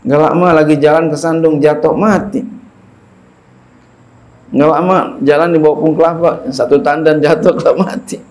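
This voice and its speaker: Middle-aged male preacher, slightly high voice, colloquial and animated lecturing, repeats for emphasis. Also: normal speed, pauses often. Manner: colloquial and animated, repeats phrases, chuckles while telling stories. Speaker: Islamic preacher teaching a classical book. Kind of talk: casual religious lecture.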